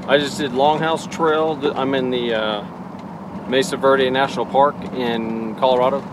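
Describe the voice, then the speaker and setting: A man's voice: mid-range voice, fairly even intonation, unhurried, noisy background. A man in his forties vlogging to a dashboard camera from inside his camper van, talking loosely and correcting himself as he goes. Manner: loose and rambling, self-correcting. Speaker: travel vlogger. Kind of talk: casual vlog to camera. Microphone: camera on the dashboard at arm's length.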